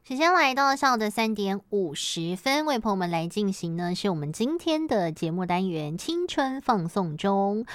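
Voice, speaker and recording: A woman's voice: mid-range voice, big pitch swings, normal speed, hardly any pauses, no echo. A woman with a Taiwanese Mandarin accent presenting a radio programme in a chatty way, tagging her phrases with frequent particles and fillers. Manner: frequent sentence-final particles and filler tags. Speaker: radio host.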